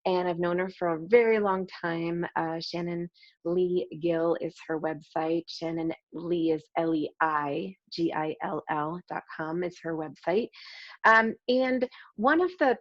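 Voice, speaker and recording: A middle-aged woman, an energy healing teacher, talking gently and hesitantly with many ums and restarts before a meditation. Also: fairly low pitch, measured pace, dry recording. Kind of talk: casual spoken introduction to a meditation. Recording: slightly dull, dry sound.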